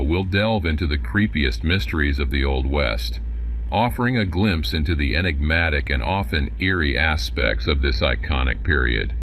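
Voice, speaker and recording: A man's voice: a bass voice, a little hiss or hum. A man narrating a scripted, documentary-style introduction.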